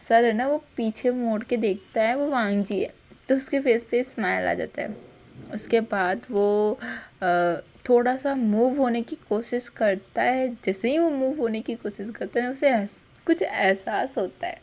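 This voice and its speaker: A woman with a fairly high voice retells a story in a loose, casual way. She chats along and keeps turning to talk to her listeners directly. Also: a little slow, darkish tone. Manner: chatty, addresses listeners directly.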